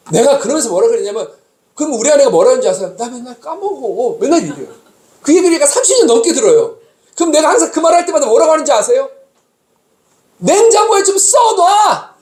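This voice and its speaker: A man in his fifties, a pastor preaching a sermon and telling a story to his congregation in an animated, exasperated way. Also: very high voice. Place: church sanctuary. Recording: echoey church hall.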